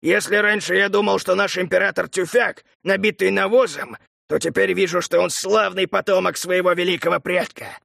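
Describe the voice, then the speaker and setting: A man playing a calm, steady bandit chieftain. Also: sits high, normal speed, vocal fry, no echo, clean studio sound, exaggerated voice.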